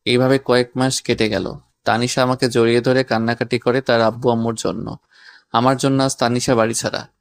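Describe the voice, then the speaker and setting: A man narrating a romantic audio story in the first person, with plain, even storytelling and casual banter. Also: medium pitch, a little fast, creaky. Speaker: narrator and lead voice actor.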